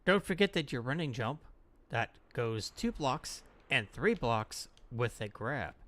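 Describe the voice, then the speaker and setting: A man's voice: mid-range voice, very animated, a little slow, a bit bright. A man co-hosting a game stream, casually reading out viewer messages and chatting. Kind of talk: casual reading aloud and chat.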